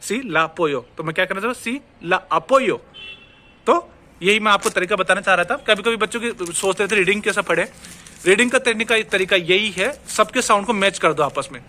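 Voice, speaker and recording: Bright high-voiced man teaching Spanish. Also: fast. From India. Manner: explains step by step, asks and answers his own questions. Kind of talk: online language lesson.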